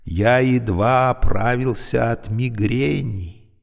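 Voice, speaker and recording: A man voicing an old, creaky, talking elevator, speaking slowly and courteously with a weary, sorrowful politeness. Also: medium pitch, in a large hall, pitched above the performer's own voice. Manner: slow, courteous, mournful.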